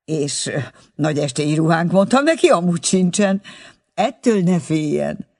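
A man's voice: a little high, lively intonation, creaky, a little mellow, voice pushed up. A man voicing an eager, talkative middle-aged mother in an audiobook reading. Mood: excited. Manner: eager, chatty.

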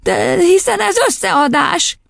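A woman's voice: extremely high pitch, animated, creaky, a bit bright, no echo, clean studio sound, voice pushed up, full character voice. A woman reading an audiobook and voicing a confused, frightened little schoolboy. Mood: bewildered. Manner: bewildered, stammering.

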